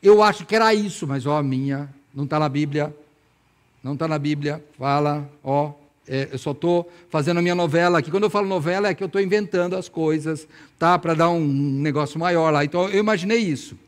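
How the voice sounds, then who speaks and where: A man's voice: fairly high pitch, brisk. A Brazilian man in his sixties preaching a sermon in church, telling stories with humor and acting out imagined dialogue. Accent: Brazilian Portuguese. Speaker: pastor. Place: church, evening service.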